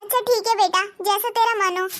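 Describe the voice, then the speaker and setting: A woman's voice: very high-pitched, fairly even intonation, a little fast. A woman voicing a humble, caring mother-in-law in a Hindi cartoon, speaking mildly and pleading. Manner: mild, pleading.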